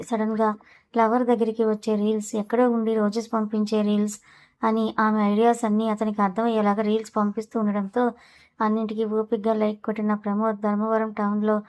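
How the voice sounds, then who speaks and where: Fast-reading woman storyteller. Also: mid-range voice, darkish tone. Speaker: audiobook narrator. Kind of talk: storybook narration.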